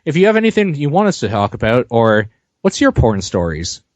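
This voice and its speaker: A man's voice: medium pitch, wildly swooping pitch, a little fast, no room sound, dull audio. A tipsy man co-hosting a casual podcast, rambling and giggling as he wraps up the show. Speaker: podcast co-host. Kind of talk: casual drunk podcast chat.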